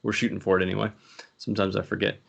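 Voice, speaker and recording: A man's voice: lowish voice, flat delivery, very fast, gravelly, slightly rough, lo-fi sound. A man hosting a casual tech talk show, rambling and often correcting himself as he chats. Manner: rambling, self-correcting, laughs easily. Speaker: show host.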